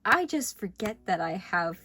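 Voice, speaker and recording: A woman's voice: medium pitch, very animated, a little slow, music in the background. A young woman talks casually through her sketchbook, rambling and cutting herself off. She is sick, and her voice sits in a middling range for a woman. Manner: chatty, rambling, self-interrupting. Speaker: vlogger.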